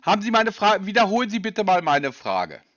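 A man's voice: high voice, huge pitch swings, a little fast, a bit bright, no room sound. Insistent sarcastic man on a phone call. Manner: insistent, pedantic and sarcastic questioning. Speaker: person being called by a sales agent.

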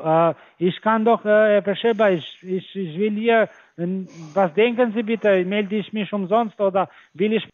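A man with a high voice comes through a thin, phone-like line with no room sound. He stumbles along with fillers and broken grammar. He keeps pushing his pitch as a phone scammer. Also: dry recording.

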